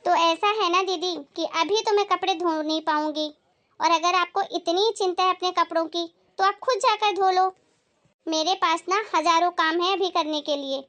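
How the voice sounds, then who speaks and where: A woman voicing a calm but firm young daughter-in-law who reasons back, in a dramatized moral story. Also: very high voice, normal speed. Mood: explaining.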